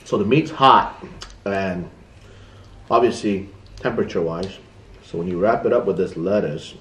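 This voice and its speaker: A man's voice: deep voice, moderate pace, far from the mic. A middle-aged man chatting casually as he eats, chewing and murmuring between phrases. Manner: talking while eating, with chewing and "mm" sounds. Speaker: father hosting a family eating show. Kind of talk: casual mukbang chat. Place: indoor room at a table beside a sizzling griddle. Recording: echoey room with clear background noise.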